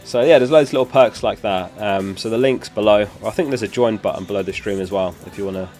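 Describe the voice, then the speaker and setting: A young male streamer talks fast in a lowish, darkish voice over soft background music. He's hosting a live stream, chatting casually and answering questions from chat while he recovers from losing his voice.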